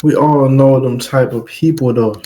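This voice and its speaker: A streamer with a mid-range, dark, steady voice reads a story aloud at an unhurried pace. Between passages he breaks off for loose, joking asides and casual commentary to his chat.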